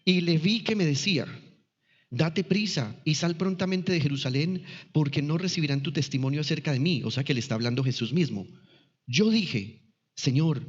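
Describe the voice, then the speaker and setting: A man's voice: medium pitch, big-room sound, muffled recording. A man teaching a sermon, reading scripture passages aloud and explaining them with pointed questions. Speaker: preacher.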